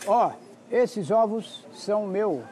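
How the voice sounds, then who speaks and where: Brazilian man, hidden-camera prankster, very high bouncy voice, loud store noise behind. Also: expressive, takes it slowly. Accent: Brazilian Portuguese. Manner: playful, teasing, yelping when chased. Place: supermarket.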